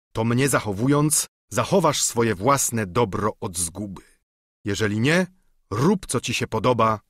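A man reading a storybook, voicing a solemn, lovesick old knight who speaks slowly and declaims. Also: medium pitch, no room sound, studio quality. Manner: slow, grave, declamatory. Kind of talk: audiobook character reading.

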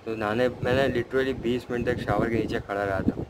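A young man from India vlogging outdoors, rambling and self-critical, mixing English into his talk, with loud wind on the phone mic. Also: medium pitch, fairly even intonation, a little fast. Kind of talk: casual vlog chat. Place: outdoors by a road, wind blowing. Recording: loud wind and street noise.

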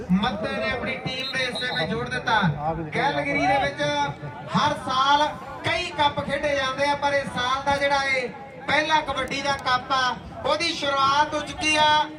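A man's voice: very high voice, little pitch movement, moderate pace. A man with a Punjabi accent giving running rural sports commentary on a kabaddi match, with bits of recited verse. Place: outdoor sports ground. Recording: echoey outdoor PA, distant, crowd noise.

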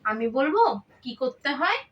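A woman's voice: high voice, very animated, moderate pace, a bit bright, muffled recording. A woman playing a frustrated new bride who scolds her naive husband in a comic sketch. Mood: coaxing. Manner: exasperated, scolding. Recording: distant mic, faint noise.

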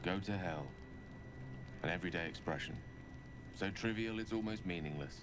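An actor playing an eloquent young male wizard in a video game, speaking in a measured, theatrical way. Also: close to an everyday voice. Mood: wry. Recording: game audio under rumble noise.

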